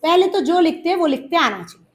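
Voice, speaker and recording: A woman's voice: extremely high pitch, animated, fast talker. A woman teaching an English grammar lesson, patiently repeating points and quizzing her students, whom she calls child.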